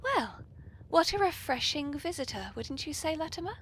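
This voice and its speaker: A British woman hosts a comic tea-party podcast, polite, genteel and playfully arch. Her voice sits high and sing-song at a moderate pace, and the amateur recording is poor and noisy.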